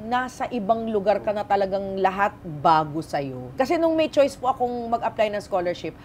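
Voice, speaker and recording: A woman's voice: medium pitch, moderate pace, a little hiss or hum. A woman in her fifties from the Philippines, a guest actress telling stories politely and with energy in a casual interview. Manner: polite, lively storytelling with frequent respectful particles.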